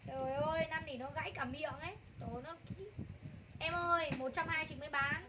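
A woman's voice: high-pitched, steady tone, quick pace, noisy background. A woman runs a live clothing sale, calling out prices and item codes over and over in a gushing sales patter. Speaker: livestream clothing seller.

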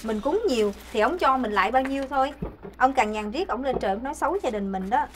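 A nagging, devout housewife who lectures her husband about proper offerings to the household gods. Her voice is fairly high, with faint noise behind her. The sketch has the tone of stage comedy. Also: expressive, fast talker. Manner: nagging, then hushed prayerful murmur.

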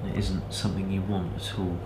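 A man in his thirties, a channel host, talking in a relaxed, practical way as he demonstrates a craft in a cluttered indoor workshop, picked up by a camera mic at a distance. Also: sits low, fairly quick. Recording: echoey workshop with background noise.

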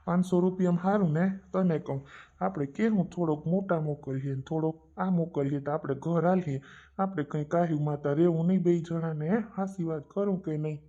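A man's voice: fairly high pitch, fairly even intonation, fairly quick, dark tone, dull audio, close to an everyday voice. A man voicing an old father in a cartoon who rambles and chides. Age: older. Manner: rambling, chiding. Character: old father, stubborn and scolding.

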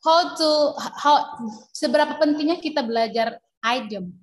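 Higher-voiced woman in an echoey room. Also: moderate pace. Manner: brief agreeing replies, curious. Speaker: co-host asking questions. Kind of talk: casual chat. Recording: echoey room with faint hiss.

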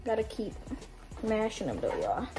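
Loud music plays behind this very animated, medium-pitched voice, which moves at normal speed in a low-quality recording. It's a young woman's casual cooking vlog: she cooks in her home kitchen with a phone on the counter, chatting to y'all and chanting as she works.

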